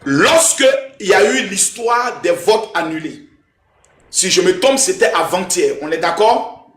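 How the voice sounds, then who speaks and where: A young man runs a live stream with loud, emphatic energy and keeps repeating chants to his viewers. His voice sits high. The sound bounces around an echoey room. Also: animated, a little slow, a little hiss or hum. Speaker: livestream host. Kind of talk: hyped live-stream talk.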